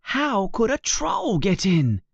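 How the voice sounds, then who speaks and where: Brave young schoolboy wizard, a man reading, urgent and high-pitched, dry close sound. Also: huge pitch swings, takes it slowly, creaky, husky, no room sound, dull audio, exaggerated voice. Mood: worried. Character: boy student wizard, brave and quick.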